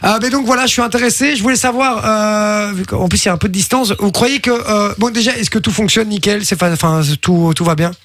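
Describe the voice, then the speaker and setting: A radio host with a Brussels Belgian French accent making a playful prank phone call, chatty and apologetic. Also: male voice, high voice, steady tone, brisk, few pauses, a bit bright, no echo. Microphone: studio microphone.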